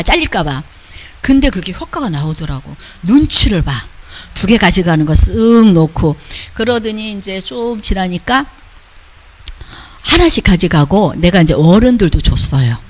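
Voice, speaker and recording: An older man, a missionary, giving a casual, lively report and mimicking the people he talks about. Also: high voice. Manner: lively storytelling, mimics others' talk. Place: church lecture hall.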